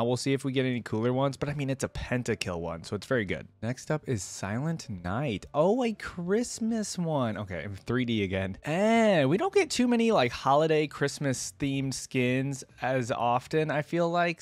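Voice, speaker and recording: Close to a desk mic at his indoor gaming setup, a young man rambles casually through reaction commentary as a video host. He leans on "like" and "right?" often, speaking in a mid-range voice with no echo.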